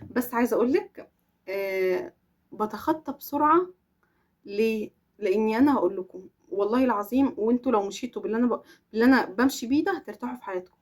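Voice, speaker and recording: A quick, rather high-voiced young woman with an Egyptian accent talks straight to her viewers. She answers their questions in a casual, earnest chat and leans on emphatic oaths to drive her points home. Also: darkish tone. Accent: Egyptian Arabic.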